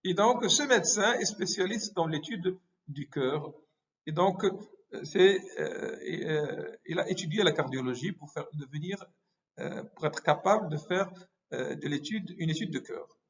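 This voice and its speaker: High-voiced man lecturing haltingly. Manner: halting, many hesitations and self-corrections. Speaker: medical lecturer. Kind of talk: explanatory lecture. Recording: muffled lo-fi recording.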